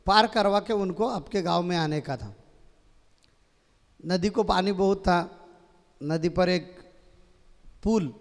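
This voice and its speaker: A man giving a devotional discourse, telling a parable in a slow, halting, repetitive way. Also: sits high, big-room sound. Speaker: spiritual storyteller.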